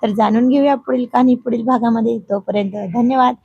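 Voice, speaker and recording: A woman's voice: on the high side, fast talker, slightly rough, no room sound, highs cut off. Woman narrating a family story. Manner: expressive, voices characters' quoted lines.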